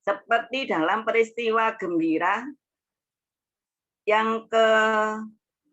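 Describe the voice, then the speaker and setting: A woman shares her personal faith in an earnest, rambling way. Her voice is bright and forceful. The recording sounds dull and lo-fi. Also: on the high side, slow. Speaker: speaker giving a personal faith testimony. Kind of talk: personal spiritual testimony.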